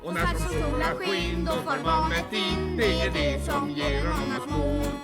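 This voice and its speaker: Oskar, a jovial high-voiced tramp. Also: male voice, creaky. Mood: singing. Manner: easygoing, sighing, breaks into folk song. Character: carefree wandering male tramp, warm and jovial. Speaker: wandering tramp who also sings. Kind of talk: 1980s film drama with songs. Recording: film soundtrack with loud music.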